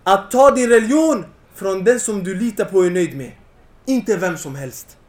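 A young man giving an impassioned Islamic lecture to a young audience, at times rising nearly to a shout. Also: sits high, expressive, reverberant.

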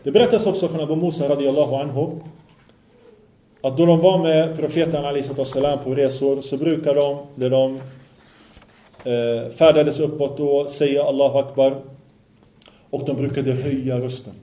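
In an echoey room, a religious teacher gives an Islamic study lesson, reciting Arabic passages, translating and explaining them, and putting questions to his listeners. His mid-range voice is warm, with fairly even intonation.

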